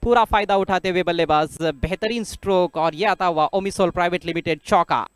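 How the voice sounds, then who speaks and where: A man giving excited live cricket commentary, exclaiming as his voice rises sharply on big shots. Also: sits high, fairly quick, smooth, no room sound.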